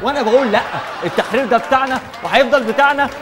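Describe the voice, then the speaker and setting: A man playing a chatty, indignant Egyptian protester in a parody street interview, loud, emphatic and colloquial. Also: very high-pitched, racing. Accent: Egyptian, varying by regional character. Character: indignant, chatty male protester with petty demands. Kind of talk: parody vox pop. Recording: echoing hall, crowd noise.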